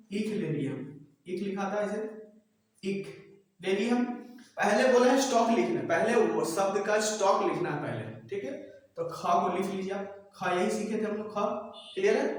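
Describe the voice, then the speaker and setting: A male teacher works through a whiteboard lesson in a patient, repetitive way, always checking that his students follow. His voice sits high for a man. It is picked up from away from the mic in a very echoey room. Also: distant mic. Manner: keeps asking "clear?" after each point; patient, repeats words slowly. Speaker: shorthand teacher.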